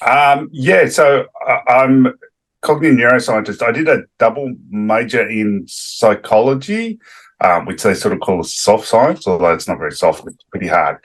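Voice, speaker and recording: A middle-aged man, a neuroscientist guest, explaining in a relaxed, rambling way with many fillers. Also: mid-range voice, normal speed, rough recording. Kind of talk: interview explanation.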